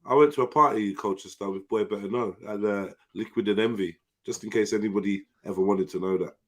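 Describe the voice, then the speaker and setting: A man from Peckham in south London hosts a live online panel show, bantering casually in his south London accent. He speaks fast in a lowish voice.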